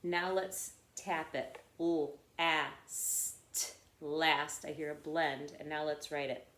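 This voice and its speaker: Slow, patient woman teaching phonics. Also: deep voice, fairly even intonation, fairly bright tone, echoey room. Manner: slow, step-by-step, repeating words aloud. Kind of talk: phonics lesson.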